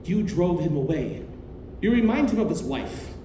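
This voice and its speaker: A man's voice: fairly high pitch, sing-song, normal speed. A man playing a formal, controlling doctor and guardian in a stage play, genteel and authoritative. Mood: stern. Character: genteel, controlling doctor, uncle to orphan girl. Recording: distant, roomy stage recording, faint noise.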